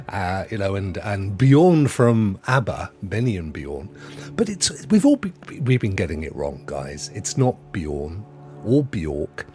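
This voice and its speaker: A man's voice: lowish voice, mellow. A British man hosting a casual gaming chat stream, jokey and rambling, often correcting himself, with faint music behind him. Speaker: host.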